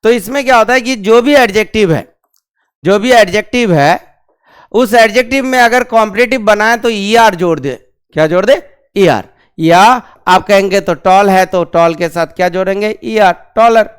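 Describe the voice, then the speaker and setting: A man's voice: high-pitched, clean tone. A male grammar teacher giving a classroom lesson, asking the class questions and repeating key terms. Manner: drills slowly on key terms.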